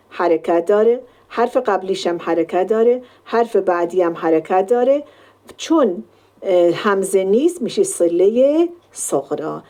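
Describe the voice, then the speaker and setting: Speaking in a mid-range voice that is mellow and dark, a woman gives a Quran recitation lesson. Each point is explained step by step, and she slowly draws out sample words to show the duration of each held sound.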